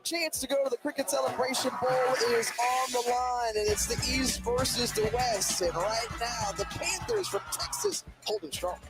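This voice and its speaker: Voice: mid-range voice, animated, moderate pace, hardly any pauses, over loud music. A sports broadcaster doing live football commentary and reading upcoming game promos.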